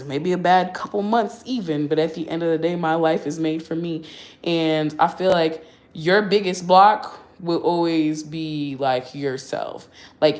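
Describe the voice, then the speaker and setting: A woman's voice: deep voice, a little mellow. A woman in her twenties chatting candidly on a livestream, answering viewer questions in a slangy, talkative way. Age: 20s. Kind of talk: casual livestream Q&A.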